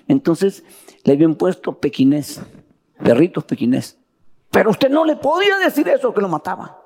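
Animated preacher man, gravelly voice. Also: a little high, long reverb tail. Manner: keeps addressing listeners as "hermano" with tag questions. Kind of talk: sermon.

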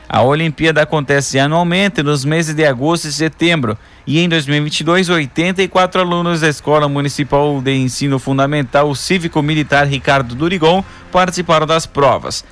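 Reading scripted local news as a presenter, this man uses a formal announcer's style and measured phrasing. His voice runs on the high side with a fairly bright tone.

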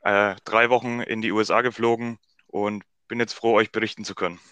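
Guest, man in his twenties, low flat voice, bright and smooth, dry. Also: brisk, dry recording. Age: 20s. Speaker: podcast guest. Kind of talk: casual podcast chat.

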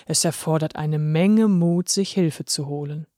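A woman reading a storybook voices an old-fashioned male pen conductor with a moustache, using a deep, put-on voice that is gruff but kindly and encouraging. He speaks low, steady and unhurried, reassuring with a touch of sternness, in a close, dry recording.

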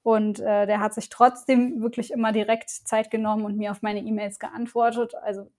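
A young woman, a student, calmly explaining her view in a casual conversation. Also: on the high side, normal speed. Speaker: student, podcast co-host.

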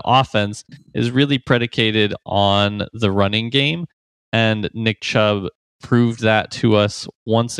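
A man's voice: lowish voice, a bit bright, smooth, no echo. A man co-hosting a podcast, chatting casually about football and betting lines, running through stats with easy laughs. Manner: chatty, laughs easily, quick stats rundown. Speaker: podcast co-host. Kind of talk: casual sports betting chat.

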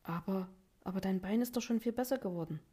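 Woman doing a high eager animal cub. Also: fast, dark tone, husky, natural voice. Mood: timid. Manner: eager, pleading, stammering. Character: anxious young male wild animal cub.

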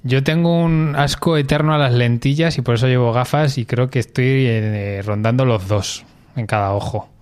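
Man, podcast co-host, laid-back, dry short answers, mid-pitched voice. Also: moderate pace, darkish tone, clean tone. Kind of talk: casual chat.

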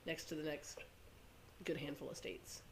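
A woman with a hoarse, congested rasp, co-hosting casually as a giggly, rambling storyteller. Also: low-pitched, little pitch movement, moderate pace, slight background noise, low-quality recording. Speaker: podcast co-host. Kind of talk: casual chatty banter.

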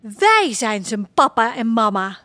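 A woman voicing a bold, chatty young girl in a children's audio story, talking lively and decisively. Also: a little high, measured pace, no room sound, full character voice.

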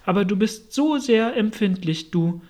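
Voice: medium pitch, animated, a little slow, darkish tone, lightly acted. A reader voicing Alice, a curious, polite young girl, in an audiobook. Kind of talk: audiobook reading.

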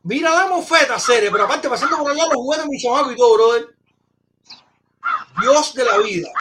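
A man hosting a casual live-stream chat, excitable and exclaiming, often repeating his phrases. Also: very high voice, fairly quick, noisy background. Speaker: podcast host.

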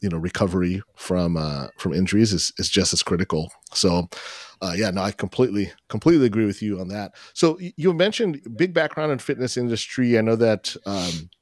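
A man's voice: lowish voice, lively intonation, brisk, no echo, clean studio sound. A man hosting an interview, asking loose, conversational questions. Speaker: podcast host. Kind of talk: casual interview talk.

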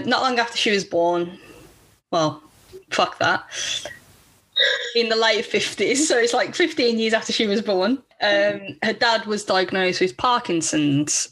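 A woman hosting a true-crime podcast in a laid-back conversational tone. She is blunt and swears without a second thought, and her pitch sits in the middle of the usual range for a woman. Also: a bit bright. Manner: casual and blunt, swears freely. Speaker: podcast host.

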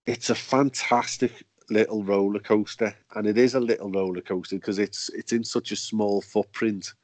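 A man's voice: on the low side, steady tone, normal speed, darkish tone, no room sound. A man hosting a podcast, chatty and joking, laughing often as he talks. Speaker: podcast host. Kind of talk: casual chat.

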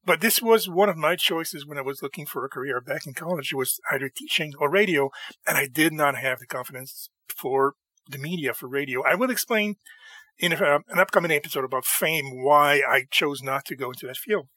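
Bright-voiced man with a slight lisp. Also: on the high side, fairly quick, no room sound. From Montreal, Canada. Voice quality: slight lisp from new dentures. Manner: earnest, self-correcting, laughs at himself. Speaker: podcast host. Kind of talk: casual personal monologue.

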